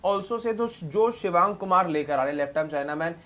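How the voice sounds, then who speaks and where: A man's voice: high-pitched, animated, moderate pace, a bit bright. A man hosting a casual cricket preview, moderating and putting questions to the panel. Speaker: host.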